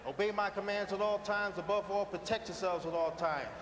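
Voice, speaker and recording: A man refereeing boxing, giving brisk, commanding pre-fight instructions into a handheld mic. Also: high-pitched, fairly even intonation. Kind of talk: pre-fight instructions, switching between English and Spanish. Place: boxing ring in large indoor arena. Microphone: handheld microphone. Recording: echoing arena PA with background noise.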